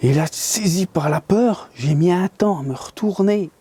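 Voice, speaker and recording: A man's high, mellow voice unhurriedly relates a scary fishing anecdote over slight background noise. He's an angler telling a story in a rambling, colloquial way with many fillers, dropping to whispers at the tense moments.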